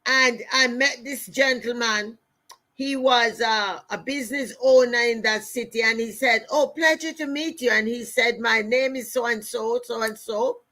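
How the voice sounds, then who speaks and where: With a fairly high, sharp-toned voice and fairly level intonation, a middle-aged Jamaican woman delivers a motivational talk very slowly. As host, she recounts personal stories, presses her points emphatically, repeats key phrases, and speaks directly to listeners.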